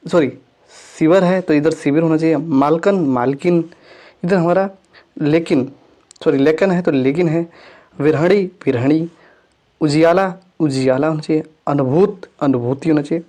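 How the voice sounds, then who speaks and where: Man slowly drilling Hindi word lists. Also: a little high, dark tone. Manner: repeats each word twice, slow and deliberate, self-correcting. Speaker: Hindi grammar teacher. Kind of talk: exam-prep lesson, reading word lists.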